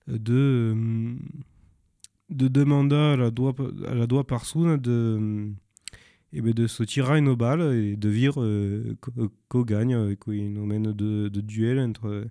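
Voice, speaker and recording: Slow, halting man searching for words. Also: mid-range voice, dark tone, clear, resonant tone, no echo, clean studio sound. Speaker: film presenter. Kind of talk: informal spoken film recommendations.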